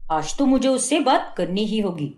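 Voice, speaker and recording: A woman's voice: mid-range voice, sing-song, normal speed, darkish tone, lightly acted. Scornful young husband, voiced by a woman. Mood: scolding. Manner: scolding, belittling. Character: fault-finding young husband, harsh and scornful. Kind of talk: cartoon story voice acting. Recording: echoey room.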